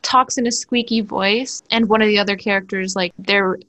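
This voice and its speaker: A woman's voice: medium pitch, steady tone, normal speed, fairly bright tone. A young woman hosting a podcast in casual chat, talking loosely with lots of fillers and frequent laughter. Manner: chatty, laughs often, many "like" fillers. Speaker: podcast host.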